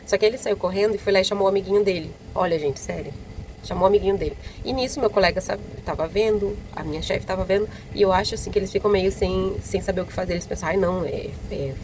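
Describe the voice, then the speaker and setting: A woman's voice: mid-range voice, quick pace, poor audio. A young Brazilian woman vlogger telling a story in a casual, indignant way, acting out what people said. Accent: Brazilian Portuguese. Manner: indignant, animated retelling with quoted dialogue. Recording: loud vehicle noise behind.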